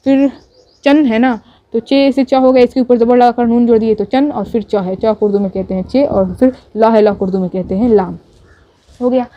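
A woman teacher explaining a writing lesson slowly and patiently, repeating each step and checking in with her students. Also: a little high, dark tone. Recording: dull lo-fi audio.

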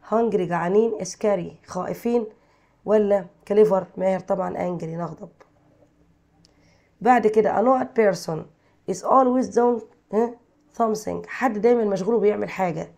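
A woman's voice: mid-range voice, normal speed, mellow. A woman teacher with an Egyptian Arabic accent, working through textbook exercises, reading English sentences and translating them while quizzing her pupils.

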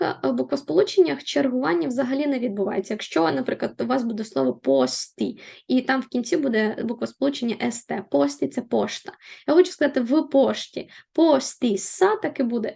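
A woman teaching a grammar lesson in a high voice with a gravelly, creaky edge. She explains patiently, repeating each rule and rephrasing it. She slows down to spell out the example words. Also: dark tone. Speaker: language teacher.

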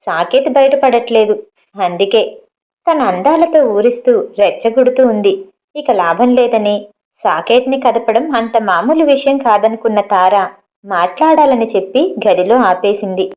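A woman narrating an audio novel in a steady storytelling way, in a dull lo-fi recording. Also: a little high, moderate pace. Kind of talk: reading an audio novel aloud.

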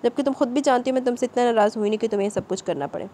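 Woman reader doing a possessive, hot-tempered landlord husband, stern scolding in a dark mellow tone. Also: mid-range voice, slight background noise, close to an everyday voice. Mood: angry. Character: angry young feudal husband, stern and possessive.

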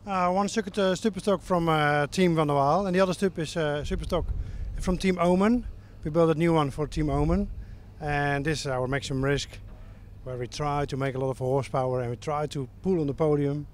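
A man in his forties with a Dutch accent gives an informal interview in halting English. His voice sits a little high, recorded on a handheld mic outdoors with faint noise behind. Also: steady tone. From Netherlands. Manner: halting non-native English. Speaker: tractor pulling team member being interviewed. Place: outdoors at a pulling event. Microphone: handheld interview microphone.

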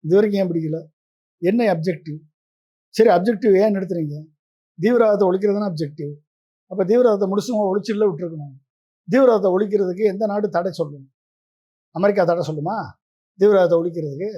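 A man's voice: high voice, fairly quick, long pauses, mellow, breathy edge. A man giving a political interview as the guest, pressing his case with a stream of combative rhetorical questions.

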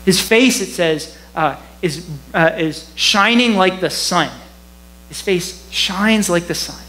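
A man preaching a sermon as pastor in a church, conversational and animated, often laughing at himself. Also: high-pitched, takes it slowly, poor audio.

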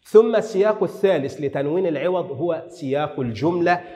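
A man giving a lecture on grammar, explaining patiently and reciting verse slowly, with colloquial asides. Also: fairly high pitch, animated, a little mellow. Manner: explanatory, recites poetry slowly, mixes formal Arabic with Egyptian colloquial asides. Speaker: Arabic language lecturer. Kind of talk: classroom-style lecture on grammar. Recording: echoey hall with long reverb.

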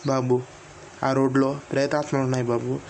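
A man voicing a calm male doctor who gravely explains an old ghost story, addressing the listener fondly. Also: mid-range voice, moderate pace, a little hiss or hum, close to an everyday voice.

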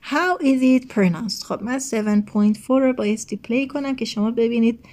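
A woman teacher from Iran whose fairly high voice is getting hoarse, so she clears her throat now and then. She talks through an English lesson slowly and patiently, pausing on fillers. She mixes English phrases into her explanations. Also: darkish tone. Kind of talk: recorded online lesson.

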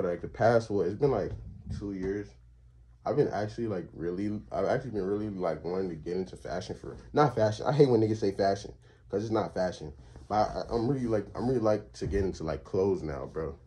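Talking to chat from a small bedroom and bathroom, an eighteen-year-old Texan streamer and college vlogger rambles casually into his phone camera, held at arm's length or propped. His voice sits on the low side and sounds mellow. His speech is slangy and loaded with fillers, and a little hiss or hum runs underneath.

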